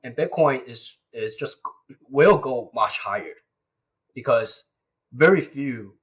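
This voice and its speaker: A man's voice: mid-range voice, a bit bright, breathy edge. A young man, a guest speaking earnestly in a casual interview and often repeating words. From Taiwan. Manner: earnest, repeats words, non-native grammar. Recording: dull lo-fi sound.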